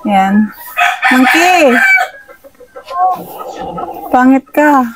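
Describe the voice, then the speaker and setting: A woman's voice: sits high, expressive, very slow, very noisy. A young woman chatting to her viewers in a casual vlog, talking outdoors at a rural home into a handheld phone. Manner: chatty, keeps addressing viewers as guys. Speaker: vlogger. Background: chickens and roosters around.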